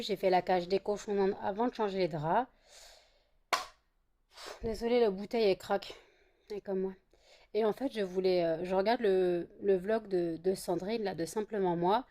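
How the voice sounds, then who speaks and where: Woman, 30s, from France, relaxed home vlogger, casual chat full of "euh" and restarts. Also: mid-range voice. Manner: chatty, rambling with many fillers and restarts; cooing baby talk to her pets. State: out of breath from the heat.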